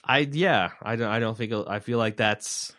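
A man with a slight Midwestern accent, co-hosting a podcast in casual chat, blunt and profane with animated rants. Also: mid-range voice, moderate pace. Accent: Midwestern American. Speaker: podcast co-host.

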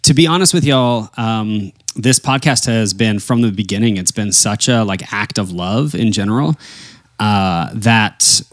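A man hosting a casual podcast in a folksy way, often pausing to think aloud as he talks to listeners. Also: fairly low pitch, dry recording, studio quality. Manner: folksy, addresses listeners as y'all. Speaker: podcast host; wedding and portrait photographer.

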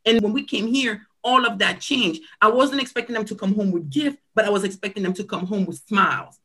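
Speaking fairly quickly in a mid-range, slightly bright, husky voice, a woman in her thirties from Cameroon responds to interview questions. She is a nurse practitioner, and her conversational answers come out earnest, reflective, and story-like.

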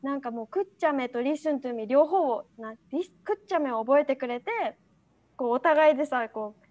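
A young woman with a high voice chats casually as a podcast co-host, telling animated stories and laughing often. The sound is dull and lo-fi. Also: a little fast. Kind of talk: casual chat.

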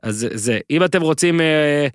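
A man co-hosting a podcast in casual chat, rambling and gushing with excited repeats. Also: a little high, dry recording, clean studio sound. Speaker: podcast co-host.

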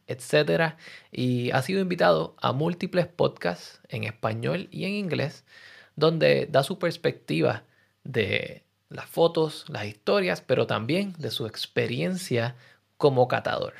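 A man hosting a podcast, introducing his guest with a measured, formal read and asking him questions. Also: on the high side, gravelly. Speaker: podcast host.

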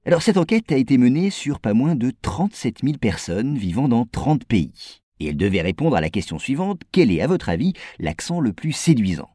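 Lively French man presenting news. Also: medium pitch, fairly quick, dry recording, studio quality. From France. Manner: clear explanatory delivery addressing viewers. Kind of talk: scripted news narration.

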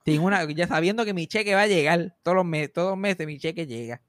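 Puerto Rican man, high voice, dry close sound, animated casual storytelling, casual swearing. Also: fast talker, no room sound.

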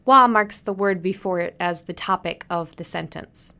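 Here a woman with a rather low voice and a sharp tone leads a podcast lesson on business culture in Japan. She's clear and friendly, carefully slowing down for each Japanese phrase.

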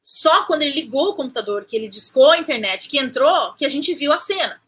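A woman, recounting a personal story as an interview guest, animated, restarting phrases and acting out what people said. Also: high-pitched, a little fast. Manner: animated, restarts phrases, acts out quoted speech.

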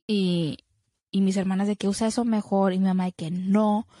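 Young woman, podcast co-host; loose, chatty, drops English lines, mid pitch, dry read. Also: dark tone, no echo. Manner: chatty, mixes in English phrases. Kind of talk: casual chat.

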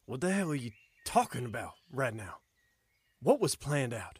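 An actor playing a wounded adult man, desperate and angry, who groans in pain, swears and shouts for help. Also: mid-range voice, big pitch swings, moderate pace, slightly rough. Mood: confused. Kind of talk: audio drama acting.

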